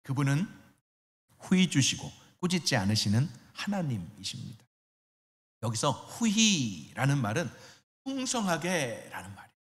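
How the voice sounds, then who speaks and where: A man's voice: a little high, in a large hall. A middle-aged male pastor preaching a sermon in a church, asking his listeners questions and acting out quoted voices. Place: church sanctuary.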